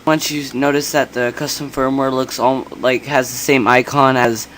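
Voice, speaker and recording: A man giving a casual software tutorial in a quiet, understated voice, kept a little back from the microphone. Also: mid-range voice, flat delivery, normal speed. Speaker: tutorial host. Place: indoors at a computer. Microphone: separate microphone, not held close. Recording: noisy room hum, quiet separate mic.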